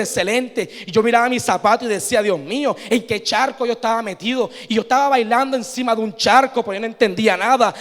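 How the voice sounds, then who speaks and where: A young man, a church leader, giving his testimony as a sermon in a church, talking conversationally and often asking his listeners "you know?". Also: sits high. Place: church hall. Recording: long hall reverb.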